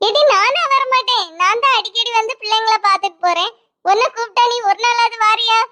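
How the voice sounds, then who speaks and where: A voice actor playing a middle-aged aunt with a Kanyakumari accent who talks in a drawn-out, singsong way in a cartoon. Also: female voice, very high-pitched, pushed and bright. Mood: chatty. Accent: Kanyakumari Tamil. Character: chatty, slow-talking aunt visiting family.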